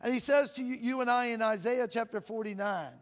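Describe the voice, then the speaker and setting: A fairly quick, very high-voiced male preacher gives a loud sermon, stumbling and repeating words as his delivery rises into shouting. Again and again he asks the crowd "Amen?", his voice echoing in a long church reverb over faint music.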